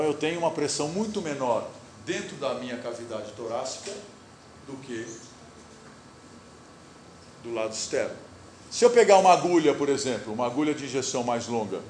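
A man's voice: mid-range voice, darkish tone, recorded from a distance. A man teaching a university class, explaining step by step as he draws and asking his students questions. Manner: explains step by step while drawing on the board, asks the class questions. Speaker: university lecturer. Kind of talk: classroom lecture. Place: lecture hall. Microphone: recorder far off in the room. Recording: echoey hall recorded from afar, noisy.

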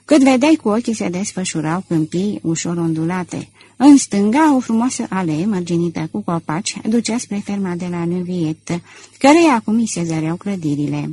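Brief: female audiobook narrator, breathy timbre, measured scripted narration. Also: fairly low pitch, animated, dark tone. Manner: measured storytelling.

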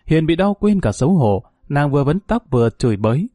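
A man narrating a story in an expressive, dramatic audiobook reading. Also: on the high side, a little fast, dry recording, studio quality.

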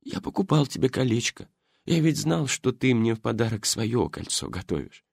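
A man's voice: medium pitch, sing-song, normal speed, gravelly, husky, no room sound, studio quality, pitched above the performer's own voice, full character voice. Meek old man, as a male narrator. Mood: sheepish. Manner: soft, sheepish, excusing himself. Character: elderly man, meek and apologetic. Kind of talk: audiobook character voice.

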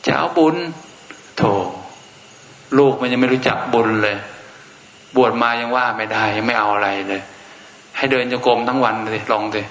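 A man's voice: medium pitch, steady tone, moderate pace, pauses often, fairly bright tone. A man, a Buddhist monk, giving an informal Dharma talk in a blunt, outspoken way. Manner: blunt and outspoken, with frank everyday speech. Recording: echoey room with faint noise.

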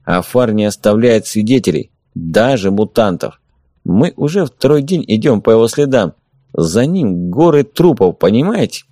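A man voicing a calm, sarcastic blind male stalker in an audiobook, taunting and lecturing his companions and enemies. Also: on the low side, moderate pace, no room sound, studio quality. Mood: persuasive. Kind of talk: audiobook character voice.

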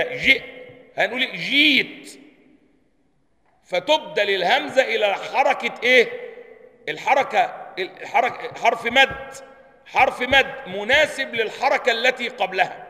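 A man's voice: sits high, sharp tone. A man with an Egyptian Arabic accent, a sheikh teaching Quran sciences, quizzing his listeners with repeated questions and sounding out pronunciations. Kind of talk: religious lesson explaining a text. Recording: long hall reverb, roomy.

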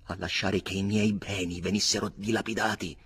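A man voicing an older noblewoman who hurls bitter, scornful insults in a shrill, scolding tone. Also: little pitch movement, brisk, fairly bright tone, slightly rough. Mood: furious.

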